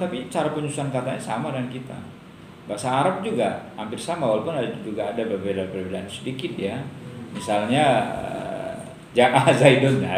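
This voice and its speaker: Joking male lecturer in a roomy hall. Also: medium pitch. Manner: joking, asks rhetorical questions. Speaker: university lecturer. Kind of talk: casual classroom lecture. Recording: roomy hall with faint background noise.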